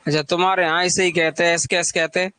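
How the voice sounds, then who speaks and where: A man's voice: sits high, little pitch movement, fast talker, bright, forceful tone. A man teaching a live online Hindi literature exam-prep class, chatty, repeating lists of titles and teasing students by name.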